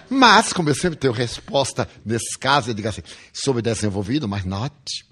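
An older man with a Brazilian Portuguese accent delivers a spiritual lecture, weaving in personal stories and acted-out dialogue with a playful sense of humor. His voice is somewhat husky, and his pitch swings widely and expressively as he speaks. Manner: lively storyteller, acts out dialogue, playful humor. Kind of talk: public lecture with personal anecdotes.

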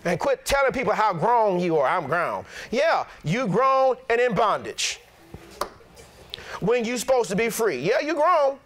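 A middle-aged pastor preaching a sermon in an animated, blunt, plain-spoken way. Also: male voice, extremely high pitch, a little slow.

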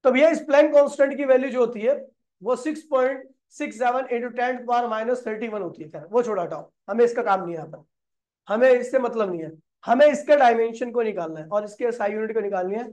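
A man's voice: very high voice, a little fast, darkish tone. Man teaching class, keeps throwing questions out and answering them, calls students bro and kid. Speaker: physics teacher. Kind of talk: classroom lecture.

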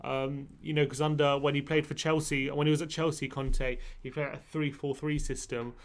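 A man's voice: a little high, normal speed. A young man co-hosting a football fan channel, talking casually in a small studio at a desk mic, getting worked up as he goes. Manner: animated, many restarts, gets heated. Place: small studio with brick wall. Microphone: desk microphone.

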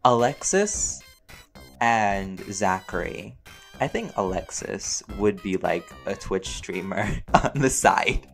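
Taking it slowly, a voice actor and audio creator responds to fan questions in a fairly low, gravelly, fairly bright and expressive voice. The Q&A is casual, rambling and playful, with him chatting and musing aloud over background music.

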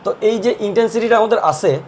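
Male teacher, patient step-by-step explainer, brisk pace, faint room ambience. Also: high voice, slight background noise. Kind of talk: explaining at a board.

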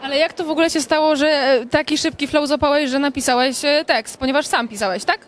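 A young woman reporter putting lively, quick questions to a guest at a cinema premiere, holding a handheld mic. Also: sits high. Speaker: entertainment reporter. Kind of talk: red-carpet interview questions. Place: indoor cinema premiere event, crowded lobby. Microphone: handheld branded reporter mic.

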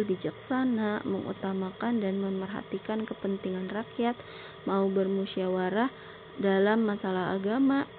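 A woman teacher giving a recorded slideshow lesson, explaining slowly and often pausing on filler words. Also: mid-range voice. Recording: tinny phone-like sound with faint noise.

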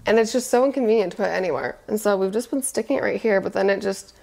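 A woman in her twenties gives a gushing, casual tour of her small apartment's kitchen and living room. Her medium-pitched voice is fast, gravelly and a little mellow. She's bubbly and keeps calling things cute.

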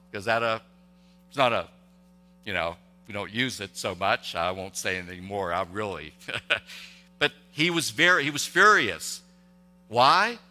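A male pastor preaching a sermon in a conversational, halting way, with restarts and rhetorical questions. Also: mid-range voice, pushed and bright. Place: church sanctuary. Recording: long reverb of a church hall.

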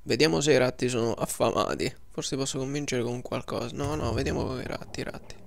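A man's voice: medium pitch, fairly quick, creaky. A man giving casual, slangy, joking commentary over gameplay.

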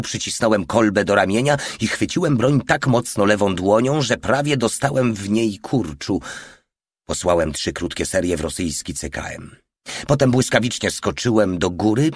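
A man reading a war novel aloud as an audiobook narrator, voicing the dialogue with raised pitch and force. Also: husky, no echo, clean studio sound.

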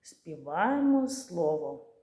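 A woman teaching young children a speech lesson, patient and slow, drawing out and chanting words syllable by syllable. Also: lowish voice, big pitch swings, dark tone, echoey room.

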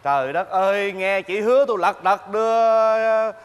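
A man's voice: high-pitched, moderate pace, clean tone, big-room sound, lightly acted. An actor playing a flustered, polite rural husband, telling his trip in a stage comedy sketch. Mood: eager.

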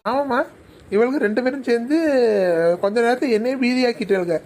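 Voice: medium pitch, a little mellow, slight background noise, lightly acted. A performer voicing a grumbling husband who chides his wife. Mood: explaining. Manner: brisk, chiding. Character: grumbling husband, middle-aged son.

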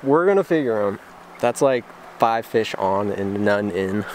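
A man in his twenties vlogs on a handheld camera from a riverbank beside a boat, chatting in a laid-back, slangy way. His lowish voice is animated but a little slow, and the boat and water are clearly audible in the background.

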